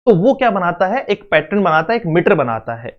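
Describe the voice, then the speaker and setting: A man's voice: high voice, very animated, brisk, highs cut off. A man teaching an exam-prep literature lesson, mixing Hindi and English and repeating his points through rhetorical questions.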